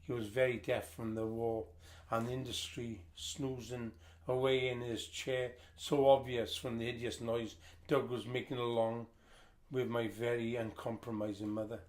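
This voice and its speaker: An older man reading a family history aloud, telling the story in a lively storytelling way. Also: medium pitch, moderate pace.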